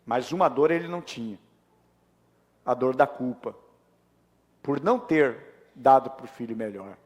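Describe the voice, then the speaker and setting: A man's voice: mid-range voice, unhurried. A man from Brazil, preaching a sermon as pastor and telling stories while he acts out their characters. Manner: storytelling preacher, acting out the people in his stories. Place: church sanctuary. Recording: long church reverb.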